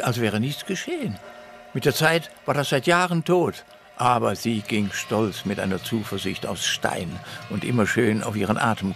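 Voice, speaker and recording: An actor in a radio drama playing a wry man who tells a grim story about his mother in a dry, deadpan way. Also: mid-range voice, creaky.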